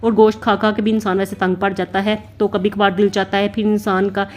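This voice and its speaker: A Pakistani mother in her thirties chats through a casual, separately recorded voice-over for her home cooking and daily-routine vlog, rambling and using "na" a lot. Her voice is medium-pitched, flat and brisk, with faint music behind it.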